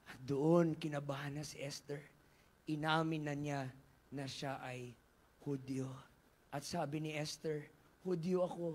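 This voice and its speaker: A male pastor with a Filipino accent, telling a Bible story as a lively sermon, mixing in English and rising to shouted exhortations. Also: fairly high pitch, a little slow, pauses often.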